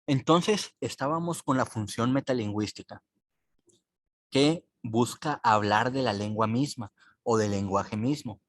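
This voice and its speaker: Slow patient teacher, man. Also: medium pitch, dry recording. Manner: slow, patient, repeats words for clarity. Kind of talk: recorded online class explanation.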